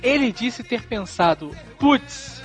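A Brazilian man co-hosts a podcast in an extremely high-pitched, animated voice, speaking slowly over soft background music. He tells stories and banters in a colloquial, mock-serious style.

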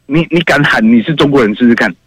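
A man calls in to a talk radio show and answers haltingly, full of fillers. His pitch is mid for a man. The voice sounds dry. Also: a bit bright, breathy edge, no room sound. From Taiwan. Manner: hesitant, halting, with many fillers. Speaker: caller.

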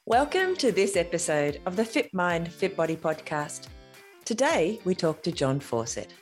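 Faint music plays behind a podcast host whose voice is fairly low and very animated, at a moderate pace. During the interview she chats eagerly, trips over words, and keeps restarting sentences as she puts her questions.

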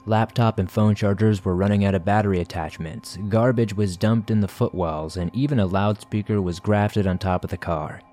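A man reading a scary story aloud for a podcast, in a measured, wry storytelling manner. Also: lowish voice, dark tone, faint music behind. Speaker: podcast narrator. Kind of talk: scripted horror story narration.

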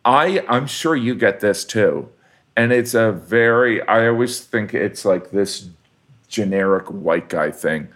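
A man from Indiana with a Midwestern accent, a comedian chatting casually as a guest and telling animated stories. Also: fairly low pitch, slow pace. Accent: Midwestern American. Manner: animated storyteller, shifting into voices for quotes. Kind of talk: casual conversation.

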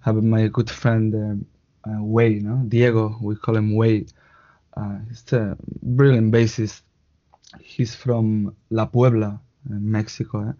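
A man's voice: lowish voice, flat delivery, dark tone. A man from Spain with a Spanish accent, a native Catalan speaker, chatting casually as a guest and often restarting his sentences. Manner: halting, restarts often, tag questions. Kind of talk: casual interview chat. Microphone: video call. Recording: muffled lo-fi call audio.

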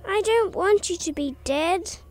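A man's voice: extremely high pitch, fairly even intonation, slow pace, faint music behind, pitched above the performer's own voice. A man voicing a young male pet bird who whines through tears in a storybook. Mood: pleading, tearful. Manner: whining, tearful.

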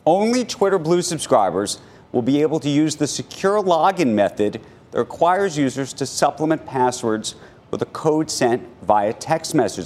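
An American man co-anchoring financial news, reading rapid market news in a brisk, factual way from the desk. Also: medium pitch, darkish tone, a little hiss or hum.

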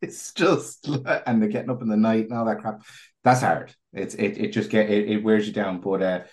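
A man's voice: on the low side, steady tone, moderate pace, darkish tone. A man in casual podcast chat, dry and jokey with some swearing. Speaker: podcast co-host.

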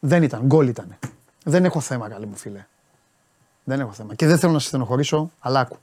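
A man's voice: medium pitch, lively intonation, darkish tone, husky. A man talking football on a live stream, animatedly answering and scolding viewers' messages.

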